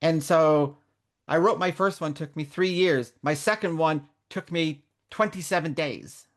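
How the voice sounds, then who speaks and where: A woman's voice: low voice, a little slow. A middle-aged woman raised in Canada, speaking as a guest mentor in a candid interview, earnest and reflective, often restarting her sentences. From born in Northern Ireland, raised in Canada.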